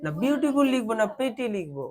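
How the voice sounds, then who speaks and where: A woman's voice: fairly high pitch, very animated, fast talker, mellow. A young woman teaches children translation, patiently asking questions and answering them herself. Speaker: tutor.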